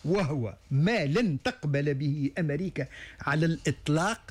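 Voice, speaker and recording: As a guest on a studio talk show, a man with a Tunisian Arabic accent analyses events in a somewhat raised, breathy, darkish voice with lively intonation at a normal pace. He is hesitant, stalling and restarting often and filling gaps with frequent fillers.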